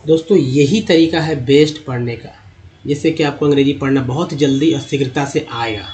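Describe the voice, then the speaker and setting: A man with a Hindi accent teaching English phonics, reading word lists slowly and drawing each word out. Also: medium pitch, darkish tone. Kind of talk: screen-share phonics lesson.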